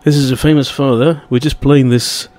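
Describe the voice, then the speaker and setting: A man's voice: mid-range voice, steady tone, moderate pace, darkish tone. A man hosting a casual radio show from a studio, chatty and jokey, with fillers along the way.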